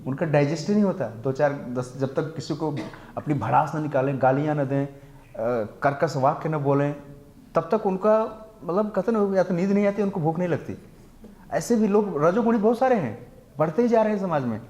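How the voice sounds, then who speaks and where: A man's voice: fairly high pitch, a little mellow. A man giving a lecture on scripture in a temple class, explaining Sanskrit verses, asking the listeners rhetorical questions and mixing English words into his Hindi. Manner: chants Sanskrit verses slowly. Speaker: temple speaker teaching scripture.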